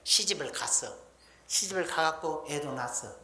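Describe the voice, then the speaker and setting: A woman's voice: deep voice, expressive, moderate pace, sharp tone, slight background noise. A woman preacher giving a sermon in a folksy, emphatic storytelling manner, with blunt everyday speech. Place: church sanctuary. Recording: echoey church hall.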